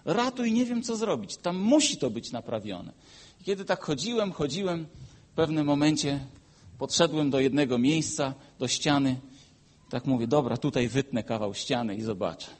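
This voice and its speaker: A man delivers a sermon in a high, animated voice that climbs and drops all over the place. He tells stories, rising to forceful, emphatic peaks and then dropping into quiet, low asides. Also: normal speed. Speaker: pastor.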